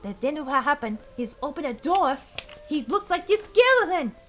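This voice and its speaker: A woman retelling a fairy tale in a halting, meandering way, often restarting her sentences. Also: sits high, sing-song, soft background music. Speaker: storyteller.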